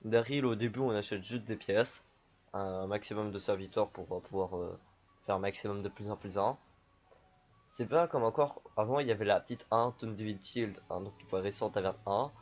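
A man streaming a card game, talking casually through his moves in a relaxed, rambling way with lots of fillers. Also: fairly low pitch, fairly quick, dull audio. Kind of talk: casual gameplay commentary.

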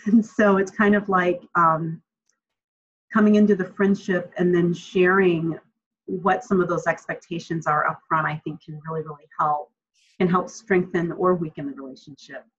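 A woman's voice: on the low side, steady tone, moderate pace, slightly rough. A woman speaking from home on a video call, answering audience questions in a friendly, reflective way with frequent ums. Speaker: guest speaker. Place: home room, indoors. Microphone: webcam on video call. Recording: slightly muffled video-call audio.

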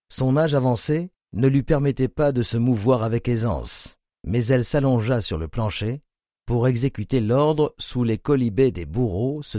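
A male narrator reads a grim novel in a grave, measured manner. His voice is warm and dark with an animated pitch line, recorded dry and close. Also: no echo. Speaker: audiobook narrator. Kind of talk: scripted narration.

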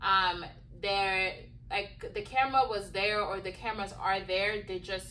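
A woman's voice: mid-range voice, steady tone, unhurried, bright, forceful tone, recorded from a distance, slight background noise, poor audio. A young woman talking to her camera in a casual vlog, tired and rambling, with lots of fillers and restarts. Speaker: vlogger.

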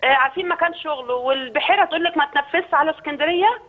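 A woman's voice: high-pitched, very fast. An Egyptian woman calling in to a TV show by phone, making a pleading appeal. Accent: Egyptian Arabic. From Beheira, Egypt. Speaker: phone-in caller. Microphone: telephone. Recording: tinny narrowband phone line.

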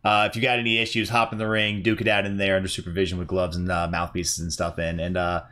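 A man's voice: low-pitched, little pitch movement, quick pace, sharp tone. A man casually commentating as he plays a video game, reacting aloud and swearing freely. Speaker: gaming channel host. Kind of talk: casual let's-play commentary. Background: game music.

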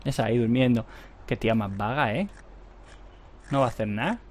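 A man's voice: mid-range voice, fairly quick, slight background noise. A man giving casual gameplay commentary, chatty and mocking as he talks to the characters on screen.

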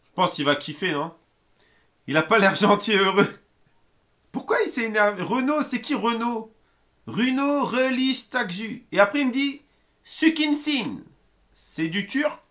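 Excitable streamer with a high, bright voice. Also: male voice, normal speed. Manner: excitable, loud outbursts and swearing. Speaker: gaming streamer. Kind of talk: live video game commentary. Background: music playing.

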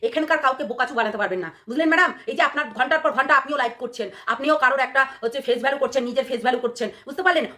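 Hoarse woman ranting at high speed. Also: fairly bright tone. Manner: scolding, sarcastic, rhetorical questions. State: hoarse from a cold. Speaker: vlogger. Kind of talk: ranting commentary to camera.

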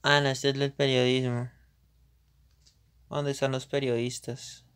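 A man's voice: medium pitch, level tone, a little slow, fairly bright tone, clean tone. A man giving casual live commentary on a video game, reacting to scenes and talking to viewers at his computer mic. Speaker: livestreamer.

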